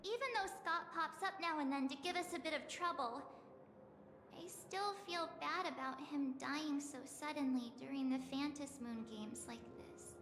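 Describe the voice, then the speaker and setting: An actress voicing a spirited, caring young woman adventurer in a video game cutscene, with a lively, expressive anime-style delivery. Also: sits high, normal speed, a little hiss or hum. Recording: roomy game audio with music.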